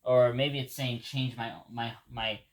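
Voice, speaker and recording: At a measured pace and with flat delivery, a mid-range male voice belongs to an Ecuadorian vlogger, a native Spanish speaker, chatting reflectively to his viewers. He addresses them as "guys" again and again while rambling, restarting, and repeating himself.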